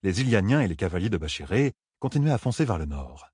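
A man reading a fantasy audiobook aloud with measured, dramatic delivery. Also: deep voice, very animated, darkish tone, breathy edge, no room sound, clean studio sound. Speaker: audiobook narrator.

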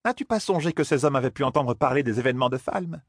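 A man voicing a stern older sorceress who lectures her young charges, in a husky voice for an audiobook. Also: medium pitch, expressive, fast, dry recording, studio quality, voice pushed up. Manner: scolding, lecturing. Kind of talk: audiobook character voice.

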